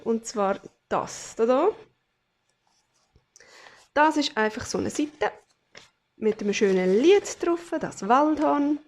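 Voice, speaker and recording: A woman from Switzerland with a Swiss German accent hosts her own crafting channel. Her voice sits a little high, and she chats loosely with plenty of hesitations while she holds things up to the camera. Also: darkish tone. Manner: chatty, with many fillers, showing things to camera. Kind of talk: casual crafting vlog.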